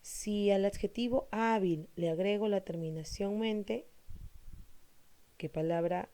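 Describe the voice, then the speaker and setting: Woman teacher, mellow voice, slow and deliberate, poses questions to the class and answers them. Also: medium pitch. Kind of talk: explaining a Spanish grammar lesson to students.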